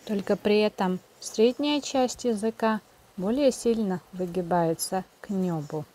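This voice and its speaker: A woman's voice: mid-range voice, measured pace, mellow. A woman language teacher giving a pronunciation lesson, carefully spelling out each sound and example word.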